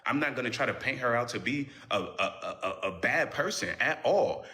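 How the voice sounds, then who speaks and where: A man's voice: mid-range voice, animated, fairly quick, a crowd in the background. A young man on a live stream, defending himself in a heated debate and repeating himself when cut off. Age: young adult.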